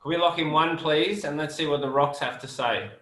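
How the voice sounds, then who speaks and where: A man's voice: on the high side, fairly quick, pushed and bright. A man hosting a casual game show, chatting along in self-deprecating host patter. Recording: roomy echo, music underneath.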